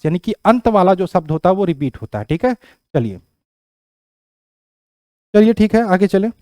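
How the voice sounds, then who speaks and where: A high-pitched man teaching a grammar lesson for an entrance exam. He repeats each rule several times and keeps asking the class whether it is clear. The sound is dry and close, with almost no room echo. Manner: repeats key phrases, asks the class "clear?"; rises in pitch and loudness when explaining examples.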